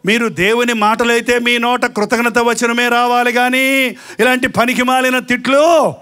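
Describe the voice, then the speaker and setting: A man preaches in a strikingly high voice. He speaks with animated energy, firing rhetorical questions and acting out quarrels as he preaches. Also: normal speed, smooth. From India. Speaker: pastor. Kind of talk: sermon.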